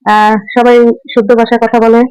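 A woman's voice: fairly high pitch, flat delivery, a little fast, a little mellow, clear, resonant tone, no echo, poor audio. A woman from Barishal with a Barishal Bangla accent mixed with Dhaka speech, chatting casually as she cooks and reminisces. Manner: chatty, reminiscing while cooking. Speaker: home cooking vlogger. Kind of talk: casual cooking narration.

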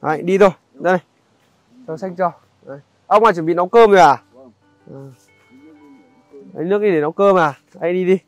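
A young man narrates an outdoor village vlog, his voice sitting a little high and sounding close and dry. He talks in a halting, conversational way straight to his viewers, with faint music underneath. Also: no echo. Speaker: vlogger. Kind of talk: casual on-location narration to viewers.

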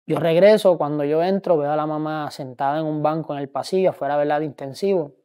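A man in his thirties with a Puerto Rican accent, giving a personal faith testimony, halting and grieving with many pauses. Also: a little high, mellow, clean tone. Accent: Puerto Rican Spanish. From Puerto Rico. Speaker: testimony speaker.

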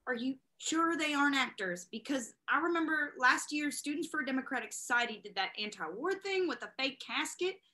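A woman reading young woman student, high voice, hurried, puzzled, brushing off. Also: expressive, sharp tone. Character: distracted young woman art student, twenty. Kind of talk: amateur play reading.

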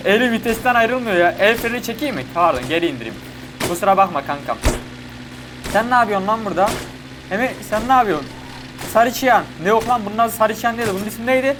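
A man giving chatty, excitable let's-play commentary to his viewers. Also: high voice. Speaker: gaming YouTuber. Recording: game audio and vehicle noise behind.

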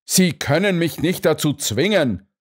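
A man reading an audiobook, voicing a blustering, indignant restaurant owner who protests loudly and huffily. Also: on the high side, animated, a little slow, breathy edge, pitched above the performer's own voice. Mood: protesting. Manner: huffy, loud, protesting.

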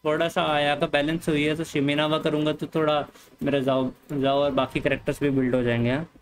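A man with an Indian accent streaming a game live, talking casually with viewers, mixing Hindi and English and telling the chat to calm down. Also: on the high side, quick pace, faint music behind, poor audio. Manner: easygoing, mixes Hindi and English, calms the chat. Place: home room, hot.

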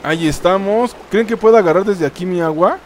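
A man's voice: sits high, brisk, slight background noise. A man with a Mexican accent giving casual let's-play commentary, chatting straight to his viewers and swearing freely. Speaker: gaming YouTuber.

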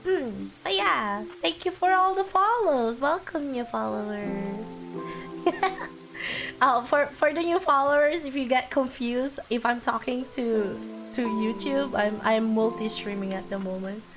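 A woman live streamer chatting casually over a game, giggly and excitable, swearing freely, with a voice hoarse from being sick. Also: fairly high pitch, measured pace. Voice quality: hoarse, husky from illness. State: sick, coughing. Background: game music.

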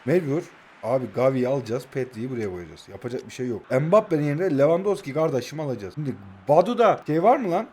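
Young man in his 20s, high voice, streamer doing excitable play-by-play commentary. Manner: excitable, shouts names when attacking. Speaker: mobile football game streamer. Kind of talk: live gameplay commentary.

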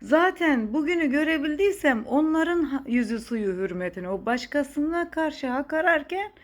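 A woman's voice: sits high, lively intonation, moderate pace. Chatty, playful middle-aged woman. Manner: chatty, playful, laughs often. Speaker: podcast host. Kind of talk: casual chat.

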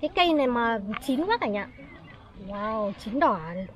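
A woman's voice: fairly high pitch, normal speed, a crowd in the background. A woman filming a casual vlog outdoors in an orchard, chatting and exclaiming with delight. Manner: excited exclamations while picking fruit. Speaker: vlogger.

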